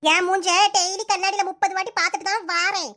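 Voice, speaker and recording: A woman's voice: extremely high pitch, steady tone, quick pace, bright, forceful tone. A woman voicing a touchy, quarrelsome young sister-in-law in a comic cartoon, trading insults in a Kanyakumari Tamil accent. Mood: insulting.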